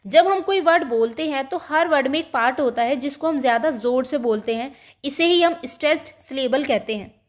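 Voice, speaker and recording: A woman teaching a beginners' language lesson, drawing out each example word slowly. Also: high-pitched. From India. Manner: slow, stretched-out example words.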